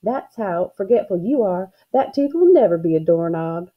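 A woman's voice: fairly low pitch, animated, moderate pace, phone-quality sound. A woman voicing an ornery young girl in a storybook, a snippy and taunting big sister with folksy talk.

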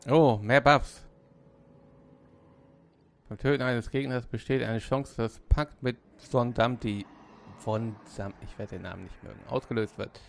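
A man's voice: medium pitch, fairly even intonation, unhurried, creaky, a little hiss or hum. A man hosting a let's play, casually commenting on his game as he goes. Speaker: gaming let's play host.

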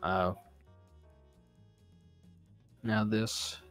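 A man's voice: lowish voice, little pitch movement, slow pace, a bit bright, soft background music. A man in his twenties co-commentating a fighting game stream, chatting casually with a joking, playful manner. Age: 20s.

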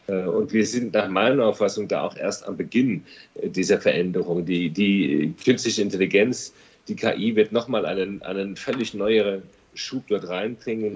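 Husky low-voiced man, halting panel remarks. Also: a little mellow, muffled recording. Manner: hesitant, many fillers, growing insistent. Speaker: politician and lawyer on a panel. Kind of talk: panel discussion statement.

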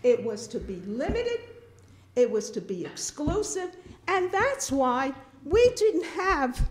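Speaking slowly in a high, very animated, slightly mellow voice, an older woman makes an emphatic, indignant public comment at a town board meeting. She uses a podium microphone in a meeting room, repeats herself, and is recorded from a distant camera.

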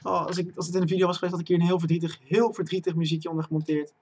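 A young man giving live commentary on his own football game, chatting to viewers and breaking into loud excited yells at big chances. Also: high-pitched, rapid-fire, a little hiss or hum. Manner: talks to himself and chat, bursts into loud excited shouting at chances. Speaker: gaming streamer. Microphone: desk microphone.

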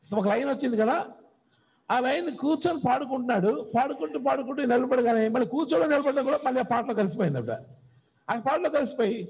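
A pastor from South India preaching a sermon in a church hall, animatedly retelling scripture as a story and mixing in English words. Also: male voice, very high-pitched, animated, fast, a little mellow, breathy edge.

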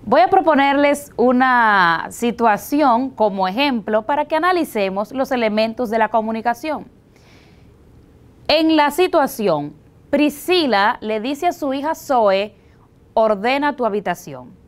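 Slow, deliberate Dominican woman teacher. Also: fairly high pitch, lively intonation. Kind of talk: televised language lesson.

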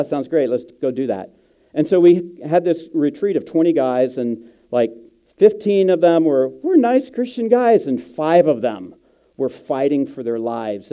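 A man's voice: medium pitch, warm tone. A male guest pastor giving a sermon, telling personal stories in a casual, slangy way.

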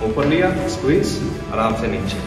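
A man coaching lifts in short, repeated cues, calling his trainee brother. He sounds far from the mic in a big, echoing hall. Loud music plays behind him. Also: medium pitch, sing-song, moderate pace. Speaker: gym trainer. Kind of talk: workout instruction. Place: gym.

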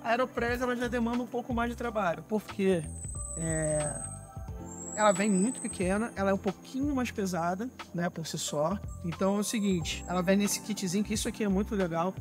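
A Brazilian man in his thirties, a barista, explaining his trail coffee gear in a relaxed, hands-on way outdoors in a forest. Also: high voice, fairly quick, music in the background. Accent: Brazilian Portuguese. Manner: relaxed, explanatory, handles gear while talking. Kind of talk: casual outdoor demonstration.

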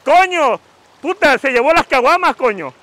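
A man's voice: very high voice, animated, normal speed, background noise. A man voicing a brash, foul-mouthed comic superhero, answering fan questions in a crude, mocking vlog outdoors by a river. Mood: loud, rowdy. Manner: crude, mocking, full of insults and slang.

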